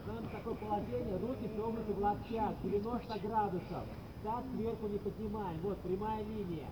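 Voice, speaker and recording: A man's voice: high-pitched, fairly even intonation, a little fast. A man coaching a group workout on a grass field, giving short, commanding, repeated instructions and counts. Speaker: fitness coach leading group training. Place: outdoors on a grass sports field. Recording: noisy outdoor recording with vehicle sounds.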